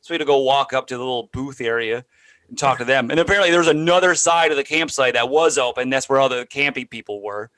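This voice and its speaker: Male co-host, casual banter, bright tone, animated delivery. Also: fast talker. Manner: animated storytelling, jumps in pitch when quoting others.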